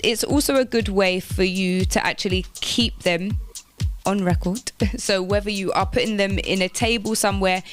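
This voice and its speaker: On the radio, a woman gives informal careers advice about job applications, walking through each step and repeating phrases to stress them. She has a mid-range voice and a moderate pace, with faint music in the background.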